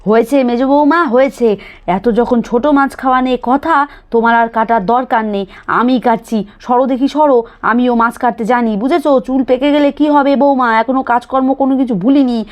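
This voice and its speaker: A proud, sharp-tongued old mother-in-law, as a woman puts her on, scolding. She nags and grumbles without pause, a doll-cartoon matriarch. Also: a little high, fairly even intonation, dull audio, lightly acted. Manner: scolding, nagging.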